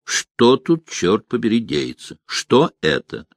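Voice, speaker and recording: A man's voice: medium pitch, huge pitch swings, slow, dry recording, clean studio sound, exaggerated voice. A man doing a wry quizzical bard.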